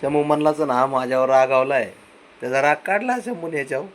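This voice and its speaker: A young man, coaxing and sweet-talking his pet cat at home, repeating himself softly. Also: mid-range voice, quick pace, a little hiss or hum. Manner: coaxing, repetitive, soft-spoken with a pet. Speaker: cat owner. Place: home, indoors.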